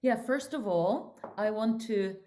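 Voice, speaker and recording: A woman's voice: medium pitch, slow pace, dark tone. A middle-aged woman from Norway, a counselor and coach, talks as a podcast guest in an earnest, reflective way about her inner journey. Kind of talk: casual interview talk.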